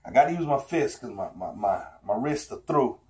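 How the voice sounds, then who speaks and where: A man's voice: medium pitch, animated, normal speed, mellow. A man in his thirties talking casually to the camera in a fitness challenge vlog, recorded in a bedroom. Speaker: vlogger, father. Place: small bedroom at home. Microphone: camera on the floor a short distance away.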